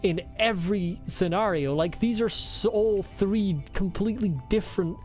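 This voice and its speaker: A woman streams a game with casual, incredulous commentary. Her mid-pitched voice is blunt, circling back on phrases for emphasis, with soft game music behind it. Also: moderate pace.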